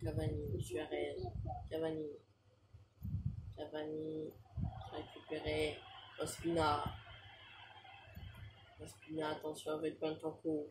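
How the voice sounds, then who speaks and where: A young French man commentating a football video game he is playing, rattling off player names and shouting at big chances. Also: a little high, completely flat delivery, takes it slowly, pauses often, noisy background. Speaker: gaming YouTuber.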